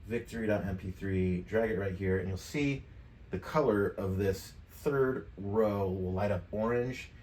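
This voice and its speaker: Speaking a little slowly in a voice on the low side, a middle-aged presenter gives a casual, step-by-step software tutorial, informally voicing his thoughts while he clicks. He sits at a computer desk in an indoor home studio room. A USB microphone some distance from his mouth records echo from the room along with clear background noise.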